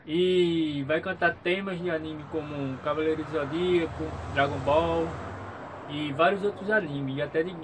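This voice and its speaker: A man's voice: fairly high pitch, fairly even intonation, moderate pace. A man gives a casual vlog update in a hesitant, repetitive way, often checking in with his viewers. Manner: hesitant, repeats himself, frequent checking tags. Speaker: YouTube channel host. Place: small room at home, indoors. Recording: clear background noise, room ambience.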